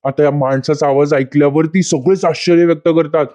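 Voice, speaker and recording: A man's voice: fairly high pitch, steady tone, brisk, a little mellow. A man narrating an episode recap, speaking straight to viewers. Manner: addresses viewers directly. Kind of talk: casual retelling of a TV episode.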